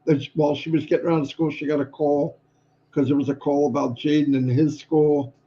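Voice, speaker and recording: An older man co-hosting a casual livestream, chipper and rambling, a bit hoarse. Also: a little high, flat delivery, brisk. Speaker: livestream co-host. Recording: muffled lo-fi stream audio.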